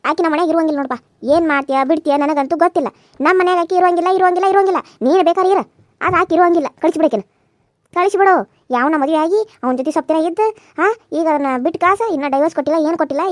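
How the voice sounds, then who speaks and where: A woman's voice: dry recording, studio quality. A woman with a North Karnataka Kannada accent voicing a furious middle-aged mother-in-law who berates and repeats herself in a cartoon serial. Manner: shrill, berating, repetitive scolding.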